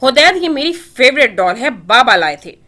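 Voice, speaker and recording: Sweet chatty toddler girl, read by a woman, high and lively, innocent questions. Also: moderate pace, full character voice. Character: innocent chatty three-year-old girl.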